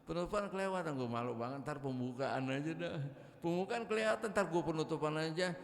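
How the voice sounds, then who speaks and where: Guy preaching in a mosque, jokey, acts out the dialogue, gravelly, big echo. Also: a little high, fast talker. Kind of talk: mosque sermon with humor. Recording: echoey mosque hall.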